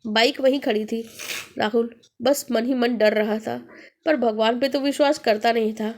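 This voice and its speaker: A woman narrates a ghost story with a dramatic, suspenseful delivery. Her voice sits noticeably high. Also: fairly even intonation, moderate pace, slight background noise.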